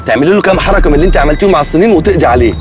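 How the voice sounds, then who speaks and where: An actor playing a bossy, excitable stranded man who nags his friends, in an Egyptian accent. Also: fairly high pitch, rapid-fire, close to an everyday voice. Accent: Egyptian Arabic. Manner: bossy, excitable comic scolding. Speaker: castaway leading a group. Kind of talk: TV sitcom acting. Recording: music score underneath.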